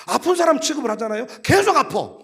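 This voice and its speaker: Animated high-voiced male preacher. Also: fast. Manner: animated and joking, shouts and half-sings for emphasis. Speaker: pastor. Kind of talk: lively preaching at a revival rally.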